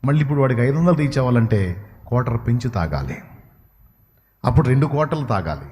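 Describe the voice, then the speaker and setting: A man's voice: mid-range voice, expressive, fast, a little mellow. A man preaching a sermon, impassioned and questioning his listeners, at times rising to pleading cries. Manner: asks the audience questions. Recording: long hall reverb.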